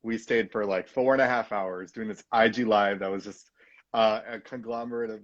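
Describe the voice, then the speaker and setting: A man's voice: fairly low pitch, steady tone, normal speed, fairly bright tone, no room sound, dull audio. A young man hosting a live-stream showcase, talking casually and effusively with many fillers and restarts. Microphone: phone or computer mic.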